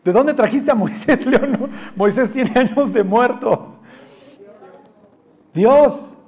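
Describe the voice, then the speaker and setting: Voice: medium pitch, slow pace, darkish tone. A Bible study teacher, who leads an interactive class, jokes, teases the group, quizzes them and acts out quoted voices. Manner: joking, teasing, quizzes the class.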